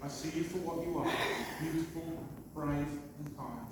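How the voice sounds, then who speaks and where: A man's voice: fairly high pitch, normal speed. A middle-aged man giving a prepared wedding speech and toast as father of the bride, in short phrases. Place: large reception hall. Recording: very echoey noisy hall, far from mic.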